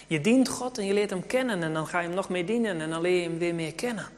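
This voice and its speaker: Preacher telling a bible story, talks to the kids too, mid pitch, long hall echo. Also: fast talker. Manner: storytelling, addresses children in the congregation. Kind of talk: sermon.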